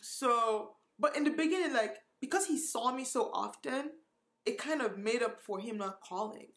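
A woman's voice: fairly high pitch, expressive, normal speed, a bit bright. Tearful young woman telling a story. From Nigeria. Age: 20s. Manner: candid, emotional, heavy use of "like" and cursing. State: tearful, close to crying. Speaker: vlogger. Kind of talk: storytime vlog.

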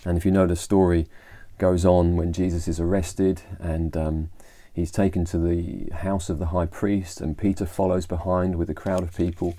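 A man's voice: low voice, level tone, normal speed, few pauses, mellow, no echo. An English man giving an informal devotional talk, retelling a Bible story in a conversational way with fillers and restarts. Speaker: church leader.

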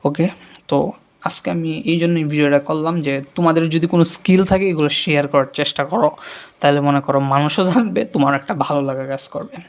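A young man, giving earnest, casual vlog advice and talking quietly to his viewers. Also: fairly high pitch, quick pace. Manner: earnest, talks straight to viewers; speaks quietly at night. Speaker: YouTuber.

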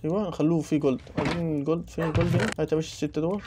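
A man's voice: a little high, fairly even intonation, heavy background noise. A young man with an Egyptian Arabic accent giving casual let's play commentary, chattering and teasing the animals in the game. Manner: rapid chatter, joking insults at game animals. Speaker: gaming YouTuber.

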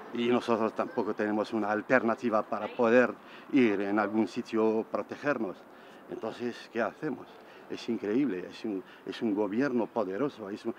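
A man in his forties speaking indignantly on a city street, halting and repeating words as he talks. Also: fairly low pitch, lo-fi sound, slight background noise. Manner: halting, repeats words while searching for them; indignant, gestures and points while talking. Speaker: evicted resident interviewed on the street. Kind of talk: street interview. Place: city street outdoors beside a van. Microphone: camera mic at close range.

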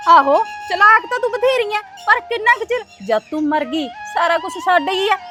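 A woman's voice: very high-pitched, lively intonation, normal speed, over music. A woman playing a greedy, spiteful daughter-in-law who taunts her mother-in-law. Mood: taunting. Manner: sneering, taunting.

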